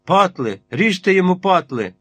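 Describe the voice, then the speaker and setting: A man voicing a cruel Cossack captain who shouts orders at a mob in a frenzy, pitched well above his reading voice. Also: big pitch swings, fairly quick, slightly rough, dry recording. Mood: frenzied.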